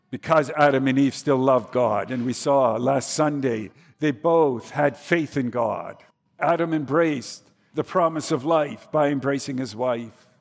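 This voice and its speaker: A man preaching a sermon, swinging between soft, low passages and emphatic, rising ones. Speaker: pastor. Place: church. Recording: reverberant church hall.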